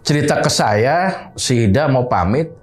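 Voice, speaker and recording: Guy spinning a spooky boarding-house tale, lively, voices the people he quotes. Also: mid-range voice, a little slow. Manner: animated retelling, acting out quoted dialogue. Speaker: boarding house caretaker telling a horror story. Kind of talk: casual storytelling to an interviewer.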